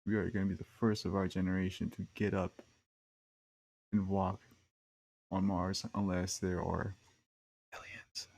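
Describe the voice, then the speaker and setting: A young podcast host tells rambling stories in a casual monologue, laid-back and slangy with lots of fillers. He speaks a little slowly in a low, fairly flat voice with vocal fry, long pauses and a slightly mellow quality.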